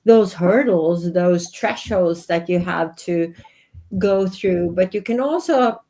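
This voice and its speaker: In a slow, mellow voice on the lower side, a woman from Sweden talks reflectively and earnestly as a guest on an interview. She is in her fifties, works as a life and business coach, and has a Swedish accent.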